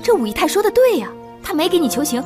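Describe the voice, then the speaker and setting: A woman's voice: very high-pitched, sing-song. An actress playing a teasing, sarcastic second concubine in a period TV drama, with music behind her. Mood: knowing. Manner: teasing, sarcastic, quick to explain schemes. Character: sharp-tongued scheming second concubine, woman. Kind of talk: Chinese period TV drama, dubbed dialogue.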